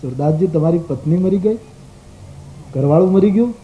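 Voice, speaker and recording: A man's voice: a little high, lively intonation, moderate pace, a little hiss or hum, lightly acted. A man voicing a disguised male god who teases and questions a weeping saint. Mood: teasing. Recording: dull old live recording.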